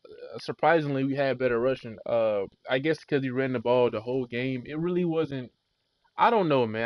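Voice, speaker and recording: A man's voice: mid-range voice, highs cut off. A tired man livestreaming a casual, slangy sports recap and rant, peppering his talk with bro and man. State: tired after being up all night.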